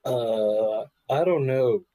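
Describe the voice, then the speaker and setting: A young man joins a casual podcast with a warm, mellow voice. He cracks deadpan jokes between remarks. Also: mid-range voice, extremely slow, no echo. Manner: joking, deadpan.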